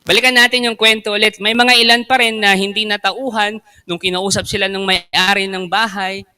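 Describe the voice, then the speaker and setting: A man with a Filipino accent preaching a sermon, slowly repeating his key questions for emphasis. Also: high-pitched, level tone, pushed and bright, clean tone, no room sound.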